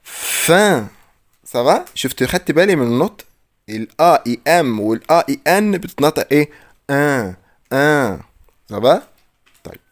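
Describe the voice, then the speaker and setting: A man with an Egyptian Arabic accent teaching French pronunciation, drawing words out slowly and quizzing the listener. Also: a little high, big pitch swings. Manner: drills words slowly, asks the listener questions. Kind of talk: pronunciation lesson.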